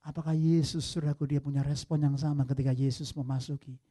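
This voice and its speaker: A male pastor preaching a sermon, swinging from loud emphatic peaks to soft low asides and mixing in English phrases. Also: fast. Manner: lively preaching, mixing English phrases, addresses listeners as brothers and sisters.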